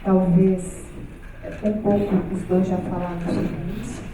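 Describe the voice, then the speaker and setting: A woman with a lowish, fairly flat voice takes her time as she moderates a panel on a large hall's stage, speaking conversationally with many fillers and restarts. The recording is noisy and echoey, picked up far from the microphone.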